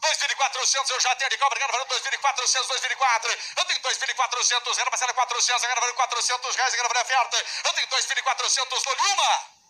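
High-pitched, piercing Brazilian male auctioneer. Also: steady tone, rapid-fire. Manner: loud, insistent, chanting repetition. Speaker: livestock auctioneer. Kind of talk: rapid repetitive auction calling.

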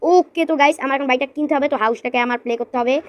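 Fast-talking woman gamer. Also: high-pitched. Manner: excitable, chatty, addresses viewers as guys. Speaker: gaming YouTuber. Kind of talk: casual gameplay commentary.

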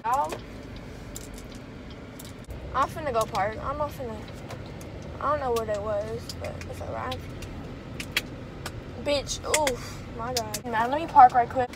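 A young woman vlogging from inside a car on a phone held at arm's length, talking casually in slangy, profane speech and getting loudly worked up. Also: a little high, measured pace, pauses often. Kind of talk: casual vlog chat. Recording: phone recording with loud car and street noise.

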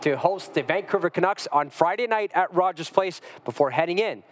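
This is a man in his thirties leading a hockey post-game show from a studio desk. His voice sits a little high, and his delivery is crisp and scripted. A faint hiss lies under the studio mic. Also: lively intonation, brisk. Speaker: sports show host.

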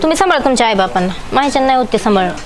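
A woman's voice: on the high side, expressive, racing, a crowd in the background, lightly acted. A woman playing a defiant young daughter-in-law who argues and talks back sharply.

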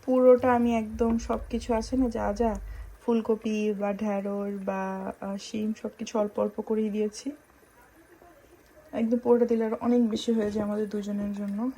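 A young woman chatting casually while cooking in her home kitchen, speaking softly and mixing English words into her talk. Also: medium pitch, slightly rough. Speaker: vlogger. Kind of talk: casual home vlog narration.

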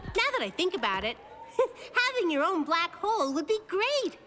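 A woman's voice: extremely high pitch, very animated, moderate pace. A woman voicing a bossy, self-assured little girl in a children's cartoon, with a plain, wry delivery. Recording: background music under the voice.

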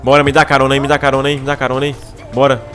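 A man's voice: mid-range voice, racing. A man with a Brazilian accent doing playful gameplay commentary, mixing jokes with swaggering mock-thug role-play. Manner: excitable, jokey, swaggering mock-thug banter. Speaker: gaming YouTuber. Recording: loud game music under the voice. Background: game music and gunfire.

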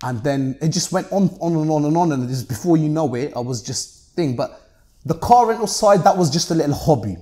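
Fast-talking British roadman, street-tough and slangy. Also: on the high side, lively intonation, mellow. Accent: British urban roadman slang accent. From Luton, England. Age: 30s. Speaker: interview guest, car rental business owner. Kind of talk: casual podcast interview. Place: indoor meeting room at a table.

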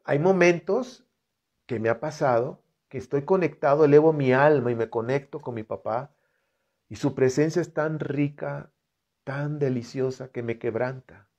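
A man's voice: mid-range voice, moderate pace, darkish tone, dull audio. A man leading a live-streamed Bible reflection, reading scripture aloud and talking to viewers in an earnest, conversational way. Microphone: computer setup.

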